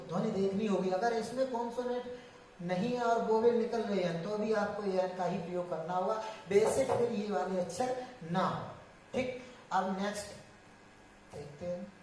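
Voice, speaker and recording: A woman's voice: medium pitch, a little mellow, far from the mic. A woman teaching English grammar, stopping to ask the class questions and answer them herself. She sounds heavily echoey and set back from the mic, with a faint hum of room ambience behind her. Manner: repeats and restarts, asks and answers own questions. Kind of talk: classroom explanation.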